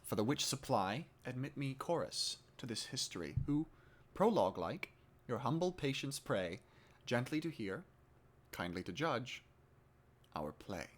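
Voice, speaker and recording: A man playing a theatrical chorus narrator in a Shakespeare monologue rehearsal, declaiming with slow, swelling emphasis. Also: mid-range voice, big pitch swings. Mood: humble, coaxing. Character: theatrical male chorus narrator of a history play.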